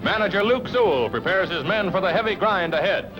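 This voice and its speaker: A man delivers old 1950s newsreel narration in a brisk, punchy announcer manner. His voice is high and bounces lively up and down, with loud music playing under him. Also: highs cut off.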